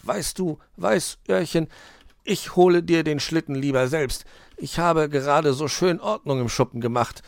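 A man's voice: fairly high pitch, unhurried, gravelly, dry recording, studio quality, pitched above the performer's own voice. A man voicing a grumpy, flustered male fox thief in a storybook, grumbling and falsely cheery. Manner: grumbling, fake-cheery when caught. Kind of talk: storybook read-aloud.

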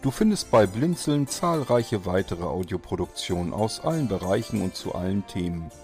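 Low-voiced man reading a podcast outro. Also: soft background music. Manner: steady, spells out addresses slowly. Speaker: podcast announcer. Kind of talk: scripted outro.

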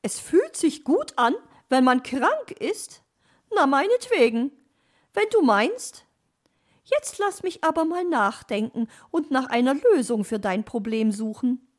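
Storybook magpie lady, put on by a woman reader: high, shrill, loud, slow and chatty, bossy and teasing. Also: sing-song, full character voice.

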